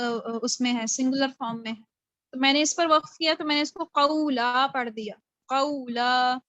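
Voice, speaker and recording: A woman teaching an online recitation class, slowly drawing out each word and then explaining quickly, heard over a video call. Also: sits high, a bit bright, dry recording, muffled recording.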